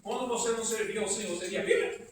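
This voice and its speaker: A man preaching an informal church sermon, animated and quizzing the congregation. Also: high-pitched, very fast. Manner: animated, asks the congregation questions, acts out quotes. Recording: echoey room from far off, faint noise.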